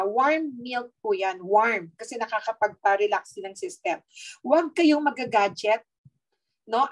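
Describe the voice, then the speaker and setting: A woman with a Filipino accent giving a lively, chatty health talk, mixing in teasing asides and frequent tag questions. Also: fairly high pitch, rough recording. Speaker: health speaker.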